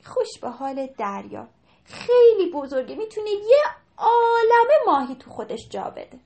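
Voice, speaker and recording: An eager little girl with a high, bright voice that leaps up and down, quick to feel hurt, as a woman storyteller puts her on. She sounds excited and childlike, just as in a storybook read aloud. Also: exaggerated voice. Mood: wistful. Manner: high, excited, cries out loud at times.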